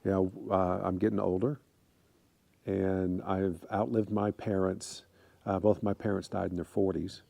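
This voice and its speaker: A man's voice: low voice, level tone, measured pace, gravelly, warm tone, dry recording. A man in his fifties from the United States, talking casually to camera in a rambling way with many fillers and restarts. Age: 50s. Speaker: vlogger.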